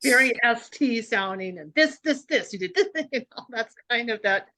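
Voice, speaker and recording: A woman's voice: fairly high pitch, expressive, normal speed, bright, forceful tone. A woman co-hosting a podcast chat, hesitant, repeating words as she thinks aloud. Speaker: podcast co-host. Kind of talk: casual panel chat.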